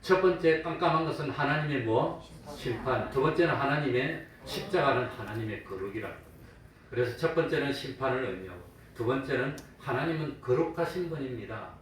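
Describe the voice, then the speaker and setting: In an echo-heavy church sanctuary, recorded from afar with a faint hum, a medium-pitched male pastor questions his congregation and answers for them. Occasionally he puts on a raised, taunting voice to imitate those who mock.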